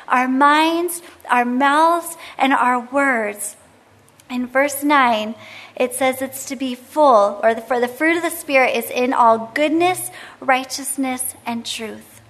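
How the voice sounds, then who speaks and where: A woman's voice: sits high, slow pace, fairly bright tone. A woman in her thirties teaching a women's Bible study, exhorting with emphatic, repeated phrases. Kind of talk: sermon-style Bible teaching.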